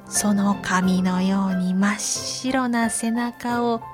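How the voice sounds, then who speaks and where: A woman voicing a kindly, poor old male painter who speaks in an old man's gentle, pleading way. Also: mid-range voice, fairly even intonation, slow, voice pushed down, close to an everyday voice. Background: faint music.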